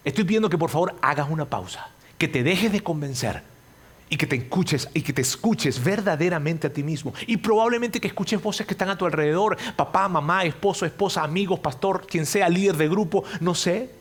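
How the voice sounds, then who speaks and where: A man with a higher-pitched voice preaches a sermon in an earnest, pleading way. He repeats his phrases and tells the story with sudden shifts between loud and quiet.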